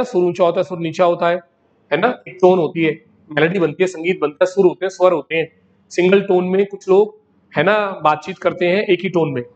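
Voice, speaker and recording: A male teacher giving a vocabulary lesson, repeating words in drills and calling his students "beta.". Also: sits high. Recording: dull lo-fi recording.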